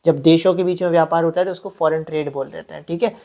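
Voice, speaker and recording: A man's voice: on the high side, fairly even intonation, fast talker, vocal fry, darkish tone. A young man teaching an online exam-prep class in a casual, chatty way, often mixing in English terms and stopping for friendly asides.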